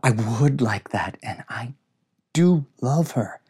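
A man's voice: mid-range voice, normal speed, warm tone, voice pushed up, natural voice. A man reading an audiobook, voicing a guilt-torn married man who protests earnestly. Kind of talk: audiobook narration.

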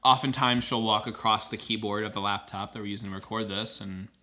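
A man's voice: lowish voice, steady tone, fairly quick, bright, forceful tone. A man co-hosting a podcast in casual chat, rambling with fillers and laughing easily. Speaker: podcast co-host.

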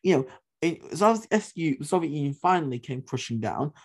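A man's voice: a little high, animated, brisk, breathy edge. A man hosting a history podcast, talking in an emphatic, opinionated way, repeating points for stress and swearing casually. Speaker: podcast host.

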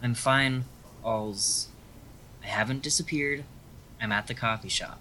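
A man's voice: mid-range voice, a little slow, bright, forceful tone, slight background noise. A man playing an irritable, sarcastic young man in a naturalistic audio drama, blunt and defensive. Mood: irritated, defensive.

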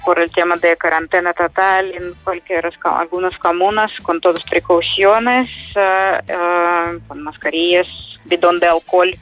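A woman with a Russian accent explains conversationally in halting, non-native Spanish, often dropping small words. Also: fairly low pitch, steady tone, fairly bright tone, faint music behind. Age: adult mother. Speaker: health product entrepreneur, interview guest.

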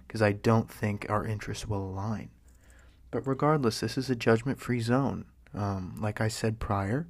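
A man hosting a casual solo podcast, playful and mock-sultry, talking close into the microphone right in the listener's ear and often dropping to a breathy whisper. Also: lowish voice. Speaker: podcast host. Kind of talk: casual chat podcast monologue.

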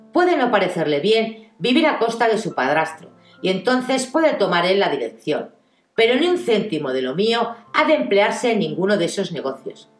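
A woman reading aloud as a wealthy, sardonic, domineering husband, stressing each word with mocking deliberation. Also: fairly low pitch. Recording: echoey room with faint music.

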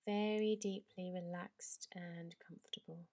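A woman yoga teacher leading a guided relaxation in a slow, soft, soothing voice that drifts into whispers. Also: on the low side, fairly even intonation.

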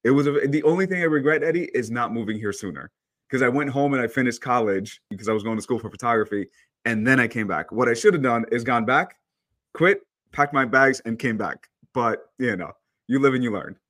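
Speaking at a medium pitch and a fairly quick clip, this Salvadoran-born photographer in his thirties recounts his life in a laid-back interview. His manner is conversational and full of storytelling.

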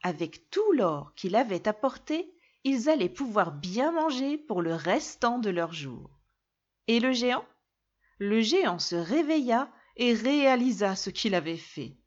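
Woman reading a fairy tale, lively up-and-down voice, kinda muffled lo-fi audio. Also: a little high, a little slow. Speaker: narrator. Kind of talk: storybook narration. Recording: dull lo-fi recording.

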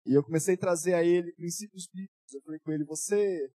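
A male pastor preaching a fervent sermon, moving between loud exhortation and quiet storytelling, in a dry room. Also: sits high, steady tone, racing, husky, dry recording.

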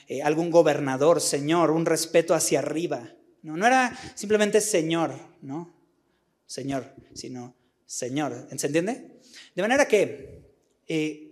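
A man giving a conversational Bible teaching, informal and full of rhetorical questions. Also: high voice. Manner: informal, asks rhetorical questions, many fillers.

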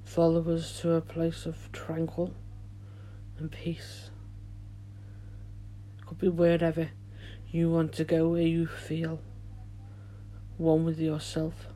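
A man speaks as a meditation guide, soft and hushed. His tone is mellow and relaxed, with very little rise and fall. He goes slowly and soothingly, leaving long gaps between phrases. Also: on the high side, low-quality recording. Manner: soothing, gentle, drawn-out delivery with long pauses. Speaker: podcast host and meditation guide.

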